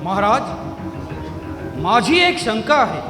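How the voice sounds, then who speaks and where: An actor playing a loyal royal courtier who speaks in a deferential, anxious way in a musical stage drama. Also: male voice, sits high, big pitch swings, takes it slowly, over music, heavily acted. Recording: echoey hall, long reverb.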